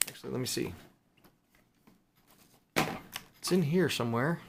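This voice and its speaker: A man with a mid-range voice talks a little slowly, with some vocal fry, over a noisy background. He's a video host showing off his silver bullion purchases, rambling through a casual, unscripted show-and-tell with mildly playful exclamations.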